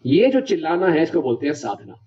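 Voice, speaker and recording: In a dull, lo-fi lecture recording, a male preacher talks conversationally through a devotional lecture and keeps checking that listeners understand. He speaks quickly in a fairly high, dark-toned voice with a sing-song lilt.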